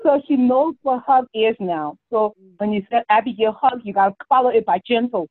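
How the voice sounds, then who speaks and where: Expressive and a little high, this woman's voice moves at a moderate pace with no room sound. A mother and podcast guest, she chats casually, telling warm stories and laughing frequently, all heard through a dry, tinny phone-like line.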